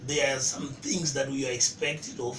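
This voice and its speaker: A man from Zimbabwe, a chef, speaking in a relaxed, chatty way in a casual interview. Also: mid-range voice, normal speed. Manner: relaxed, chatty, addresses host as bro. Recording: echoey, distant, noisy.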